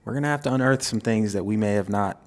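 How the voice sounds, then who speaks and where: A man's voice: lowish voice, fast talker. Dry, teasing young man. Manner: dry teasing, laughs often. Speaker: podcast co-host. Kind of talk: casual couple chat.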